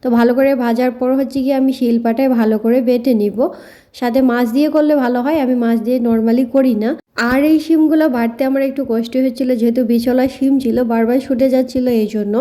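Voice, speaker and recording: A woman's voice: fairly high pitch, fairly even intonation, fast, dark tone. A woman narrating her home cooking in a chatty recipe voice-over, with a filler phrase she repeats often. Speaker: cooking vlogger.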